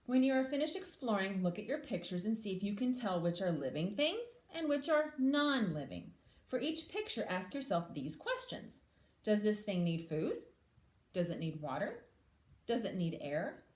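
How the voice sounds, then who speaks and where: An English language teacher with a middle-pitched, slightly mellow, sing-song voice reads a picture book aloud to young children at normal speed in an echoey room. She moves between the book's sentences and her own plain, informal explanations, often asking her listeners questions.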